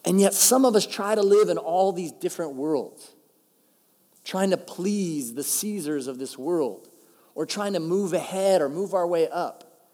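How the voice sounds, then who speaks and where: Pastor preaching in a reverberant hall. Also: male voice, high-pitched, dark tone. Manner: conversational, emphatic, slows down to stress key phrases. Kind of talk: sermon. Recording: long reverb of a large hall.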